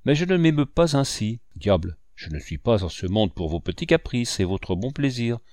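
A man reading the part of a gruff, teasing old uncle who is a painter, in a dry, mocking tone. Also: mid-range voice, very animated, moderate pace, darkish tone, no room sound, natural voice. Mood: taquin. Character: vieil oncle peintre, bourru et taquin.

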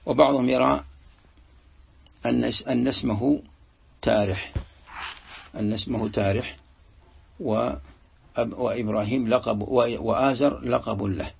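A man teaching a Quranic commentary lesson, explaining in a halting way that repeats and restarts words. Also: mid-range voice, fairly even intonation, slight background noise. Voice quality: gravelly, very husky. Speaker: sheikh commenting on a tafsir. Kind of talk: classical Arabic tafsir lesson commentary. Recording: muffled lo-fi lesson recording.

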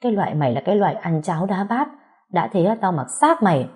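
A woman voicing an older village mother-in-law who scolds and shrieks abuse, with a husky voice. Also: lowish voice, expressive, fast talker, darkish tone. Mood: contemptuous.

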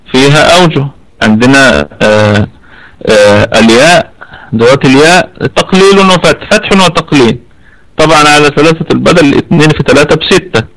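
A man with an Egyptian accent teaching an online Quran recitation lesson, explaining patiently and repeating words slowly to demonstrate. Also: medium pitch, a bit bright, poor audio. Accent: Egyptian Arabic. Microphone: computer mic over an online voice chat.

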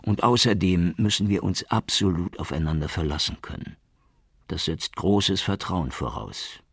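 A man's voice: low-pitched, animated, slightly rough, dry recording, clean studio sound, exaggerated voice. A man voicing an earnest, cautious male police inspector in an audiobook. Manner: earnest, measured.

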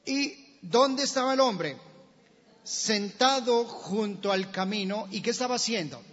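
A man preaching a sermon, telling the story with lively questions to the congregation and acting out the shouts. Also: high voice, unhurried. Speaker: pastor. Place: church sanctuary. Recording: dull sound, long church reverb.

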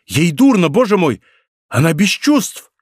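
Male reader voicing an impulsive young hero, higher, urgent shouts, lively swings. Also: measured pace, no room sound, studio quality. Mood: desperate. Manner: exclamatory, urgent crying out. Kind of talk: audiobook role reading.

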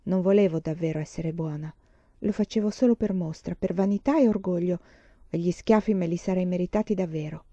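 Brief: calm, reflective blind older sister, voiced by a woman narrator, warm tone, dull audio. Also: fairly low pitch, a little fast, dry recording, close to an everyday voice. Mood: gentle. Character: gentle, pious blind young woman.

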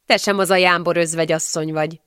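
A woman's voice: lowish voice, fairly even intonation, a bit bright, clean tone, no echo, studio quality, close to an everyday voice. A woman reading the lines of a cocky young nobleman in an audiobook, smug and teasing.

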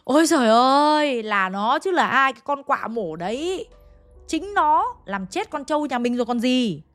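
A woman's voice: high-pitched, sing-song, normal speed, fairly bright tone, soft background music, pitched above the performer's own voice. A woman with a Hanoi accent voicing a hot-tempered, foul-mouthed village wife, screeching and scolding. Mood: furious shrieking. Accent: Hanoi Vietnamese.

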